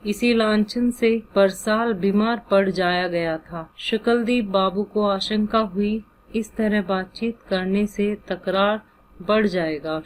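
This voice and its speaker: A woman reading a literary short story aloud in a measured, deliberate way. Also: medium pitch, darkish tone, slight background noise, rough recording.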